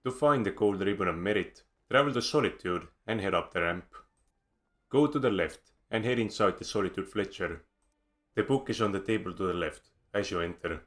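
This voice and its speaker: A man with an Estonian accent narrates a scripted video game guide as a close voice-over, measured and dryly wry. His voice sits on the low side with a slightly bright quality.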